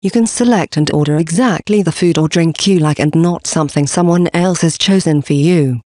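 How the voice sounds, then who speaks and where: Higher-voiced man reading a presentation. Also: moderate pace, a little mellow, no echo, clean studio sound. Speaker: company presenter. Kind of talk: scripted presentation narration.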